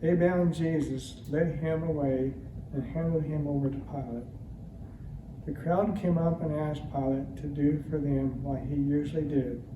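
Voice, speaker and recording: In a large indoor church, a church member reads scripture solemnly during a service. His voice is on the high side, fairly even and measured, caught by a distant mic, so the audio sounds echoey and far off with clear noise.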